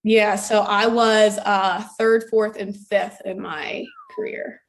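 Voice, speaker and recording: A young adult woman from Ohio, formerly an elementary school teacher, speaks earnestly and reflectively as a guest in a conversational interview. Her medium-pitched voice has little pitch movement, and she takes it slowly.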